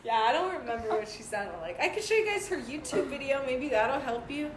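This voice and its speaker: A woman's voice: high-pitched, animated, a little fast. A young woman co-hosting a casual podcast, telling a story with a lot of giggles and filler words. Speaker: podcast co-host. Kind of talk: casual chat. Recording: echoey room with noise.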